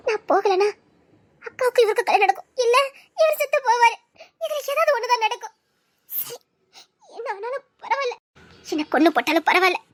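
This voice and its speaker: A woman doing a very high, fearful young woman. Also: a bit bright. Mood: torn. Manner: anxious, torn, pleading. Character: frightened young college woman from a strict family. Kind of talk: Tamil audio drama acting.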